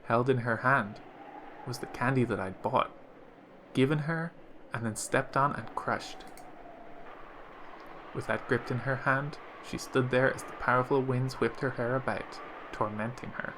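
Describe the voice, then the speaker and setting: A man reading a visual novel aloud in a steady storytelling manner. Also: medium pitch, unhurried, background noise. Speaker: let's play narrator.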